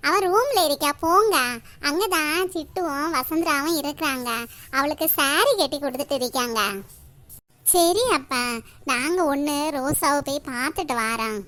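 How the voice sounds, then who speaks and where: Woman voicing a chatty village auntie, very high and bright. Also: heavily acted. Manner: homely, fussing, talkative. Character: chatty middle-aged village woman relative. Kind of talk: Tamil cartoon voice acting.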